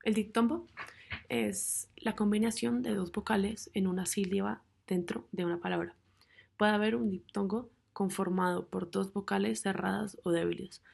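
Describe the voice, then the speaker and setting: A young woman narrates a class presentation on grammar rules. Her mid-pitched voice has a light gravelly fry, and she reads through rules and example words in a measured, steady way. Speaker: student presenter.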